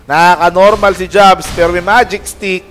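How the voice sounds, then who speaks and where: A young man casting a video game match, joking with his co-caster and shouting at big plays. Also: high voice, normal speed, soft background music. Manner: joking banter, bursts into loud excitement on big plays. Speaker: esports caster. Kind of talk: play-by-play commentary.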